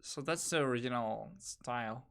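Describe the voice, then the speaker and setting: A streamer whose first language isn't English chats casually while playing a game, relaxed but hesitant and full of fillers. The voice sits at medium pitch with normal speed and vocal fry.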